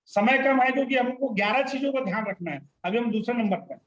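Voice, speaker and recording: A man's voice: extremely high pitch, fairly quick, reverberant, dull audio. A man leading an online sales training session as host, speaking in a teacherly way and putting questions to the group. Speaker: sales trainer hosting a panel.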